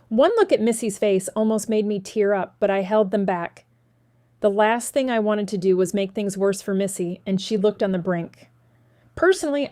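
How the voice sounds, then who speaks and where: Woman, audiobook narrator, first-person cozy mystery reading, even conversational delivery, mid-pitched voice, close dry recording. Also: dry recording.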